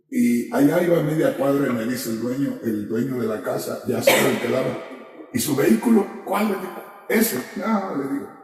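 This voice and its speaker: A gravelly, dark-voiced man preaches his testimony with fervor, his voice swelling into cries as he retells his prayers. He is caught by a distant mic in a long-echoing church hall. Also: medium pitch. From Mexico. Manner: impassioned storytelling, voice rising to cries in quoted prayers. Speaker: pastor. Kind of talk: personal testimony in a sermon. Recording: echoey hall from far off.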